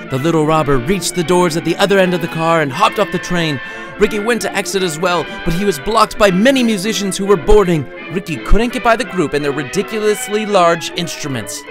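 A man with a high-pitched voice reads his own short story as scripted narration at a fairly quick pace. His delivery is dramatic and playful, and music plays beneath him.

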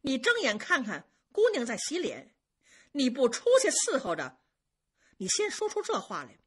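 A woman storyteller voicing a sharp-tongued young female head maid who scolds the servants briskly and commandingly. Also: medium pitch, big pitch swings, husky, heavily acted. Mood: scolding.

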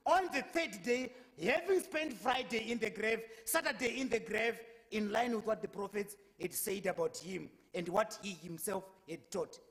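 A young adult man with an extremely high, slightly bright voice acts as a preacher in a public debate, earnestly quoting scripture at length and repeating words when he restarts. He speaks into a lectern microphone in a lecture hall, standing before a brick wall.

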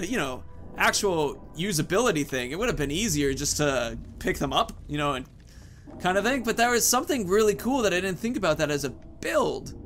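A man in his thirties hosts a gaming video, rambling through casual let's-play commentary as he thinks out loud into a headset. His voice is fairly high and a bit bright.

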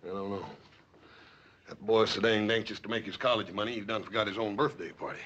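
An actor playing a big, protective, plain-spoken cowboy in a TV western, with folksy frontier talk. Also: male voice, fairly low pitch, fairly even intonation, a little fast, a bit bright. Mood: easygoing. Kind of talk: TV western drama acting. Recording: dull, faintly noisy old soundtrack.

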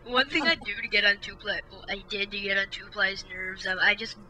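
A young man from Newfoundland chatting casually on a podcast, playful and quick to laugh. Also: high-pitched, bright, forceful tone, a little hiss or hum, rough recording. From Newfoundland, Canada. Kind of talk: casual chat.

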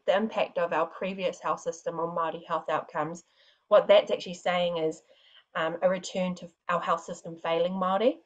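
A woman speaking as a panellist on a public policy panel, answering in a measured, methodical way. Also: lowish voice, highs cut off.

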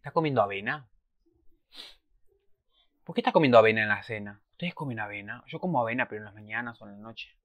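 A man's voice: on the low side, fast, long pauses, no room sound, lo-fi sound. A man in his twenties with an Argentine accent gives casual reaction commentary, reading subtitles aloud and exclaiming in between. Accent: Argentine Spanish. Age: 20s. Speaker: reaction video host.

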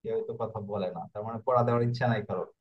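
A man's voice: on the low side, fairly even intonation, rapid-fire, highs cut off. A man teaching Italian pronunciation in an online class. He explains in a repetitive way and keeps checking with his students.

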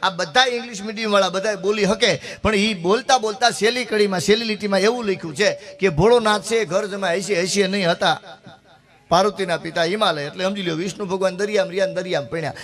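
A middle-aged man tells folk jokes at a rapid clip. His voice sits high for a man. He moves into his characters' dialogue without pausing. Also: a bit bright. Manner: rapid rustic joke-telling with dialogue voices. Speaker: folk comedian. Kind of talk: stage folk humor storytelling.

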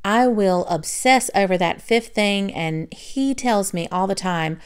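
A woman vlogger giving a reflective voiceover about her week, soft, confiding and unhurried. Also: medium pitch, clean tone. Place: home, recorded as a voiceover.

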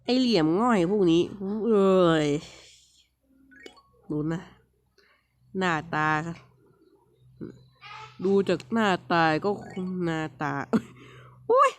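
A man's voice: sits high, slow, long pauses, fairly bright tone. A man giving casual let's-play commentary on a platform game, playful, teasing and scolding the game characters with frequent little exclamations.

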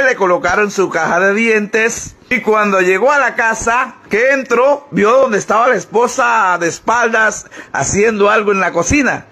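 A man's voice: high voice, sharp tone. A man telling jokes in a storytelling manner, chuckling at his own punchlines. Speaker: joke teller.

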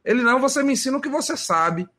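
A man, answering as a podcast guest in a relaxed storytelling way, full of fillers and tag questions. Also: very high voice, very fast. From Salvador, Bahia, Brazil. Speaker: guest, musician and music educator. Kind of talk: casual podcast interview answer.

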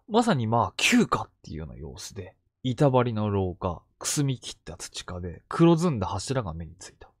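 A man retelling collected true ghost stories in a hushed, suspenseful storytelling manner with sudden vivid turns. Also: medium pitch, no room sound, clean studio sound.

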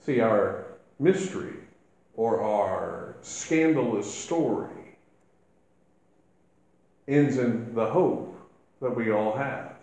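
A male minister preaches at an unhurried, measured pace. His voice rings through a very echoey church sanctuary, and it lifts with emphasis when he quotes scripture. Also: lowish voice, lively intonation, a little mellow. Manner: slow, deliberate preaching with emphatic rises when quoting scripture. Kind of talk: sermon.

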